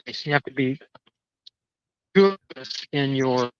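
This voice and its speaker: A man calling in on a crackly phone line that fades in and out, walking a dog outdoors and telling his story in a halting, indignant way, often repeating words. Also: mid-range voice. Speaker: caller. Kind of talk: casual chat. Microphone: cell phone.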